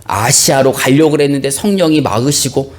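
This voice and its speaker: A male pastor preaching a sermon and reading scripture, telling the story with animated, acted-out flair. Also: mid-range voice, fairly quick. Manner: animated storytelling, acts out biblical characters.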